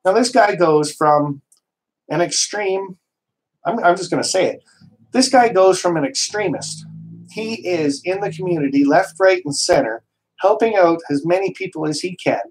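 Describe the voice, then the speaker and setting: A man from Canada hosting a casual live stream, talking in a slightly high voice. He gets worked up and emphatic, rambling through restarts and dropping the odd mild swear word. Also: expressive, normal speed, breathy edge, low-quality recording.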